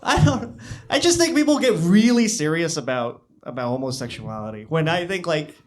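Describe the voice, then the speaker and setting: A man doing an animated, rambling stand-up comedy set in a club. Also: on the high side, normal speed. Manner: animated, rambling, self-interrupting.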